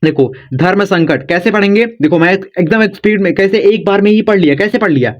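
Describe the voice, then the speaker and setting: A man's voice: sits high, fairly quick, lo-fi sound. A man giving a casual spoken lesson as a teacher, patient and repetitive, coaxing his students along. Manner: repetitive, coaxing, says "dekho" and "yaar" often.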